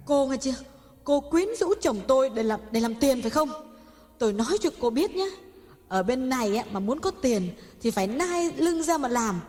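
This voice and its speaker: A woman's voice: expressive, normal speed, dark tone. A woman voicing a middle-aged doctor's wife who is jealous, harsh and accusing, in an audio story. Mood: furious. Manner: harsh, accusing, shrill outbursts. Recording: long hall reverb, faint music.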